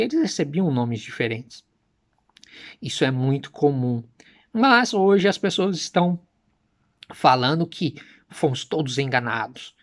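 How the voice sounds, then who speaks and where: A young man preaching and teaching with emphatic, persuasive delivery, slowing down to repeat Hebrew words carefully. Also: on the high side. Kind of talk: teaching sermon to camera.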